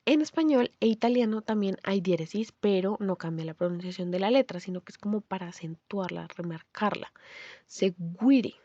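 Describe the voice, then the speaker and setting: Dark-voiced woman teaching pronunciation. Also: medium pitch, animated, dry recording, highs cut off. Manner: explains clearly, then pronounces example words slowly. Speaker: language teacher. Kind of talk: scripted phonetics lesson.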